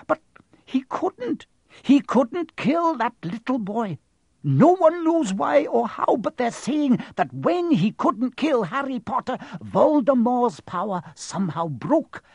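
A man voicing a stern older witch professor in an audiobook, anxious and emphatic, halting with emotion. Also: high voice, husky, no room sound, pitched above the performer's own voice, heavily acted.

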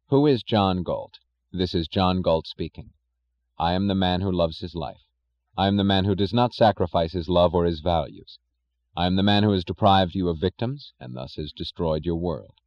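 A man doing a calm, implacable radio speaker. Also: low-pitched, no echo, lo-fi sound, close to an everyday voice. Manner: measured, slow, commanding.

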